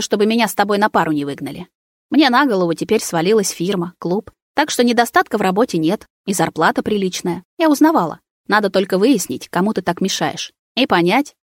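A woman's voice: medium pitch, no echo, clean studio sound. A woman narrating a first-person story as an audiobook, reading every character's lines in her own voice.

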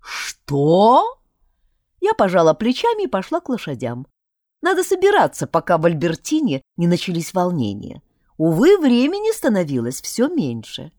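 A woman reading a fantasy audiobook in first person, her pitch swooping widely as she acts out the story. Her tone is dark and mellow, recorded close and dry with no room sound. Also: moderate pace, no echo. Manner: expressive, switching voices for each character. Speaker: audiobook narrator.

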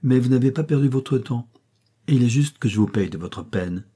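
A man's voice: medium pitch, animated, moderate pace, mellow, slightly rough. A man reading aloud and voicing an impatient, haughty young Russian princess in a raised, imperious tone. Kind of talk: audiobook character voice.

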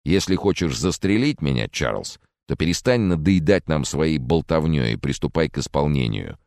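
A man voicing a cold, detached young man who speaks flatly and with contempt, in an audiobook. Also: very deep voice, normal speed, no echo, clean studio sound, heavily acted. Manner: flat, contemptuous.

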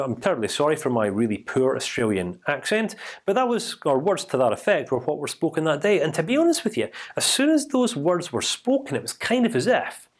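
A man giving a motivational talk built around a personal story, told in an emphatic, animated way. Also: a little high. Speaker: speaker.

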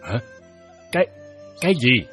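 A skilled village chess master, proud yet polite, played by a man. He chuckles often, and his voice rises and falls in lively curves. Music murmurs faintly under this radio play. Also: mid-range voice, measured pace.

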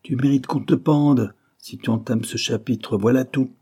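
A man's voice: mid-range voice, fairly even intonation, moderate pace, warm tone, breathy edge, pitched above the performer's own voice, lightly acted. Man voicing a sardonic young invalid, teasing. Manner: teasing, ironic. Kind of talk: audiobook character reading.

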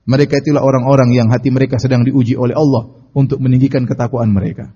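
A man giving a Quran study lecture as a preacher, telling stories in a lively way and calling out the lines he quotes. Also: mid-range voice, rapid-fire, breathy edge. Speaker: Islamic preacher. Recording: dull audio with long reverb.

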